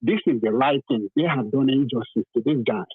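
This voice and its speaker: Over a thin, roomy phone line, a man from southern Nigeria testifies passionately on a talk programme, repeating phrases to press his points. He has a Nigerian accent and a medium-pitched, slightly rough voice, and he talks a little fast.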